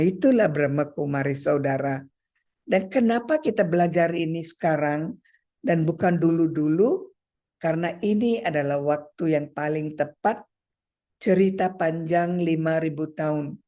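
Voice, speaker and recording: Slow, deliberate spiritual teacher. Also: mid-range voice, a little mellow. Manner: measured and deliberate, counts points off one by one, with pauses and repetition. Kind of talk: spiritual talk to an audience.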